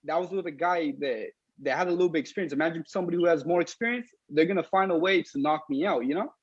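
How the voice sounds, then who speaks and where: Young male athlete interviewee, rough husky tone, casual and plain-spoken, dull recording. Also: a little high, racing, dry recording. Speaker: boxer being interviewed.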